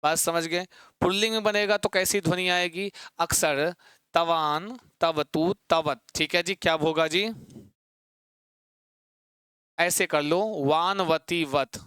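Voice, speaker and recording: A man teaching an exam-prep lesson, repeating points, quizzing his students with rhetorical questions and chanting word forms slowly. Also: high voice, steady tone, bright, forceful tone, clean tone, no echo.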